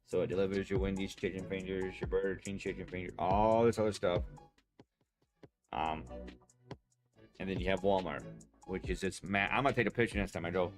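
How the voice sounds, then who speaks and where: A man chatting casually to his stream viewers, rambling and excitable, full of fillers and restarts. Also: deep voice, brisk, long pauses. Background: faint music.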